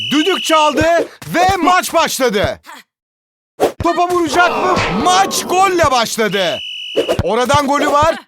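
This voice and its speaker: An excitable video game football commentator with an extremely high-pitched voice. He screams short match calls and stretches out his goal shouts. Loud noise runs heavily behind him. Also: heavily acted.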